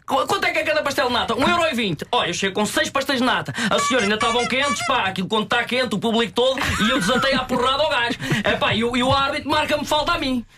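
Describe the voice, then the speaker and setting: A man's voice: very high-pitched, fast, few pauses, loud music behind the voice. A man with a European Portuguese accent telling an improvised comic story, rambling and stumbling over restarts. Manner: rambling, stammering restarts, laughing. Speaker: improv comedy guest.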